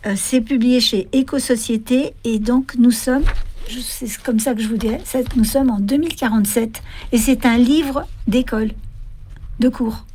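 Woman, fairly high voice, casual radio panel chat, halting, searching for words. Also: steady tone, a little mellow, a little hiss or hum. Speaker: radio panelist giving cultural picks.

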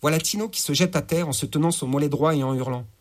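Husky man reading a story aloud. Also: a little high, fast talker. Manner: crude, lively storytelling. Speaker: narrator. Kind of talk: audiobook narration.

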